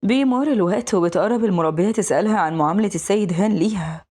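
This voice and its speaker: An Egyptian woman narrates a drama recap at a rapid clip. Her voice is husky and a touch breathy, set at an ordinary pitch. She keeps the storytelling brisk. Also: mellow. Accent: Egyptian Arabic.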